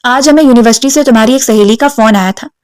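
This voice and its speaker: A woman's voice: on the high side, darkish tone, dry recording, studio quality, lightly acted. Stern angry father, read by a woman. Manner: stern, raised voice. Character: angry strict father, middle-aged.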